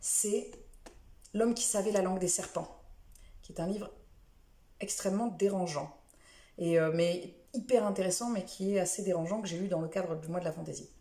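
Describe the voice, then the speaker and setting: A book vlogger with a lowish, mellow voice chats casually about what she read this week, pausing often at a moderate pace. She rambles a bit, full of fillers and self-corrections, and the room sounds echoey.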